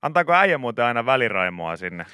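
A young man hosting a morning radio show, chatting casually and telling jokey stories with sudden shouted asides. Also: medium pitch, clean tone, no room sound, studio quality. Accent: Finnish. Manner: joking, animated storytelling with sudden shouted asides. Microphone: studio microphone.

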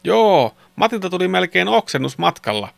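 A man reading a children's story, putting on high, shouting boys' voices. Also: very animated, vocal fry, dry recording, heavily acted. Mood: excited. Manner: loud and high. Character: excited young boys shouting.

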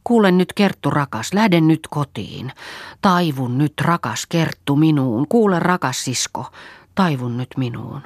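A woman's voice: deep voice, expressive, dry recording. A woman reading an audiobook, voicing a frightened young woman who pleads with her sister in a trembling voice. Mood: pleading.

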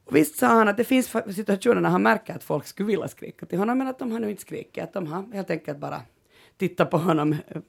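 Creaky-voiced Finland-Swedish woman. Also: on the low side. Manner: lively storyteller, retells scenes with animated quoted outbursts. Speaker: podcast host. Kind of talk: casual chat.

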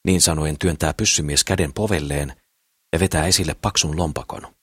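A man reading a novel aloud as an audiobook narrator, in a steady, measured way. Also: a bass voice, breathy edge, no room sound, clean studio sound. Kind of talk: scripted narration.

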